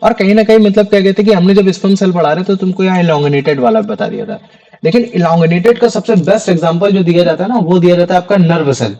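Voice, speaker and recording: High-voiced man teaching science. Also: fast talker, warm tone, poor audio. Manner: repeats terms as questions to students. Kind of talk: casual classroom explanation.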